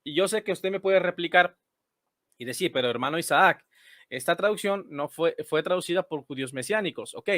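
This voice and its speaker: A man's voice: a little high, fairly quick, fairly bright tone, dry recording, clean studio sound. A man explaining Bible verses. He repeats key phrases and keeps checking in with his listeners as he reads translations aloud. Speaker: Bible teacher. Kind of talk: screen-share Bible study explanation.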